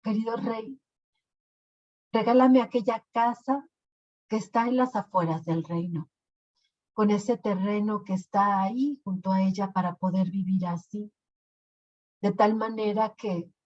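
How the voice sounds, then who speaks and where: Woman doing a kind, faithful young knight, slow and earnest. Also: high-pitched, fairly even intonation, darkish tone. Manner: earnest, courteous. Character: young loyal male knight, gentle. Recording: lo-fi recording.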